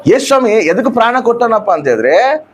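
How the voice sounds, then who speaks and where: High-voiced preacher. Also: male voice, very animated, fast talker, slightly rough. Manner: repeats phrases and asks rhetorical questions; answers his own questions. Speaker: pastor. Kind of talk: sermon.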